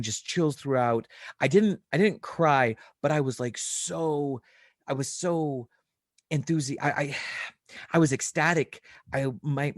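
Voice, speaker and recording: A man in his forties chats on a podcast, his voice sitting in a middle register. He tells a story with lively animation and acts out what he was thinking. The recording is dry, with no room sound. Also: mid-range voice, dry recording. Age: 40s. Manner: animated storytelling with quoted inner thoughts. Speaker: podcast co-host. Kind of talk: casual chat.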